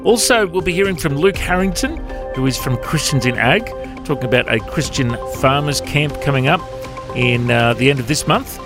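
Upbeat radio host, music behind. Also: male voice, a little high, normal speed. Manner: upbeat, chatty, laughs easily. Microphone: studio microphone.

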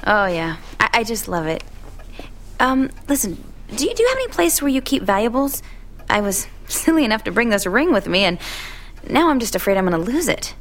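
A woman's voice: fairly high pitch, sing-song, a little fast, a little hiss or hum. An actress playing a friendly but evasive young woman in a radio drama, chatty with nervous little laughs. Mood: anxious.

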